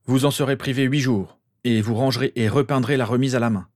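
A man's voice: mid-range voice, fairly even intonation, a little fast, no room sound, clean studio sound, lightly acted. A man voicing a cold, firm father who hands out punishments. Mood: stern.

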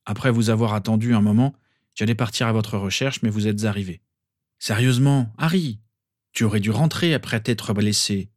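A man's voice: on the low side, normal speed, dry recording, clean studio sound, close to an everyday voice. A man voicing a stern but kind father who scolds firmly. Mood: scolding. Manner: firm, scolding.

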